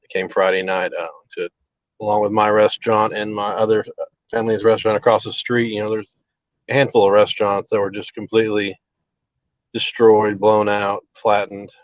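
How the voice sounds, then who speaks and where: A man with a low, flat voice speaks over a poor call connection that breaks up. The audio is dull and lo-fi, with almost no room sound. He talks in a halting, earnest way, leaning on fillers as he goes. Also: no echo. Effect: choppy, breaking-up call connection. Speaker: restaurant owner. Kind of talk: live remote interview. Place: outdoors near a relief center. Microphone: video call over a bad mobile connection.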